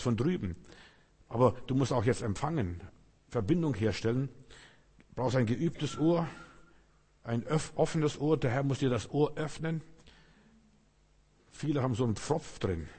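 A man's voice: mid-range voice, mellow, slightly rough, big-room sound. A man preaching a sermon in short, repeated phrases, speaking straight to each listener.

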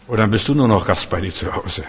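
A man preaching a sermon, swinging between loud proclamations and quiet, conversational asides. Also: fairly low pitch, expressive, fast talker, a little hiss or hum. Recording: long hall reverb.

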